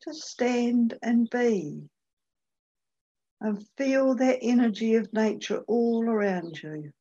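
A woman leading a guided meditation, speaking gently and unhurriedly with long pauses. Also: a little high, lively intonation, muffled recording.

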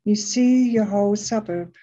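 Slow, husky woman guiding a meditation. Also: mid-range voice, mellow, dull audio. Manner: soothing, unhurried, with long pauses between short phrases. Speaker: guided meditation leader. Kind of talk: guided meditation.

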